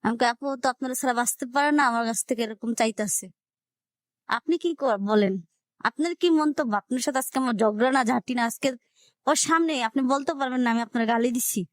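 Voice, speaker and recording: A woman with a voice on the high side speaks a little fast; the studio-quality audio has no room sound. In colloquial Dhaka-area Bangladeshi Bengali, she emotionally recounts her life, playing out quoted conversations in dialect.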